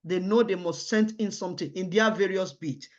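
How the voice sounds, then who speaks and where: A woman's voice: lowish voice, normal speed, a little mellow. A woman giving formal job interview answers in a hesitant way, repeating and restarting her words. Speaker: job candidate in a mock interview. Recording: dull, lo-fi audio.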